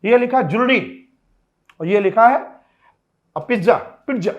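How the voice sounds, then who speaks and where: A man teaching pronunciation in a classroom-style lesson, lively and joking, talking straight to his students. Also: high-pitched, unhurried, highs cut off.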